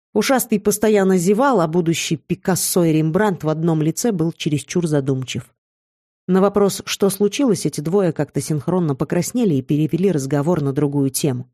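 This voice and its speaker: A woman reading a first-person fantasy novel aloud in a measured, reflective way. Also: lowish voice, mellow. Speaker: audiobook reader.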